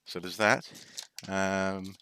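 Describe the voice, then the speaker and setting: A man from North Wales with a very deep voice that still has a bright, crisp edge rambles casually through a live stream. He hesitates, restarts and drops wry asides. The sound is close and dry. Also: little pitch movement, drawn-out words, no room sound. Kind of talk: casual rambling show-and-tell.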